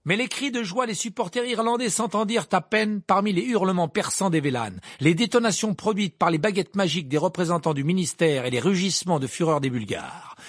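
A man narrating an audiobook with an expressive, animated reading. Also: high voice, a little fast, hardly any pauses, dry recording, clean studio sound. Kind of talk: scripted narration.

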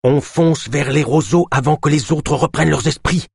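A man's voice: mid-range voice, expressive, racing, darkish tone, slightly rough, no echo, studio quality. A man voicing an insistent young man urging a breathless escape in a storybook reading. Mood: urgent. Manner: breathless urgent.

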